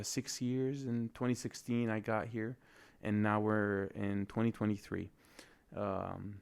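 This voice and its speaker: A man's voice: lowish voice, creaky, a little mellow, clean tone. A young man from Lebanon hosting a solo podcast, talking in a reflective, hesitant way with many fillers. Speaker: podcast host.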